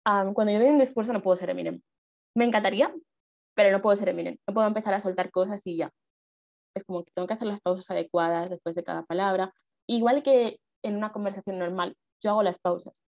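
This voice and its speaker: A woman's voice: on the low side, dry recording, dull audio. A woman giving a workshop on public speaking, explaining casually with fillers and rhetorical questions. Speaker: speech workshop instructor and speech judge.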